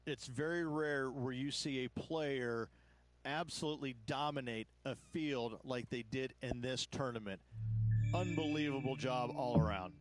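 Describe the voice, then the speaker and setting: A man giving color commentary on golf in measured, admiring remarks. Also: mid-range voice, soft background music. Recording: loud background noise. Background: noise.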